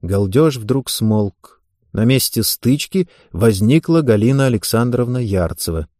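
A man narrating an audiobook in an even, measured reading. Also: medium pitch, no room sound, clean studio sound. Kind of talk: scripted narration.

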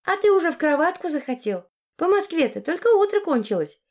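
Audiobook: woman voicing a mocking young woman, high-pitched and teasing. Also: big pitch swings, brisk, exaggerated voice. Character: sarcastic, sharp-tongued young woman. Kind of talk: audiobook character voice.

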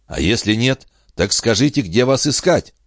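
An eager, naive young peasant lad, as a male audiobook reader puts him on. He talks in a raised, bouncing voice, earnest and excitable, anxious to please. The sound is close and dry. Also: medium pitch, moderate pace, no room sound, voice pushed up.

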